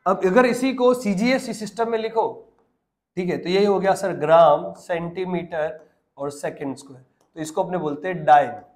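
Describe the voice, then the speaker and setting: A man's voice: high voice, moderate pace, darkish tone. A man teaching a physics lesson online, coaxing the class along and asking check questions as he works through units. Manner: coaxing, asks the class check questions, mixes English terms into Hindi.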